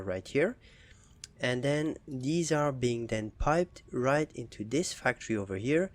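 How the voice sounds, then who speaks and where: Young man, gaming voice-over, casual, hesitant, mid-pitched. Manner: relaxed, hesitant with frequent fillers and restarts. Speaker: gaming channel host. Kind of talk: casual gameplay commentary.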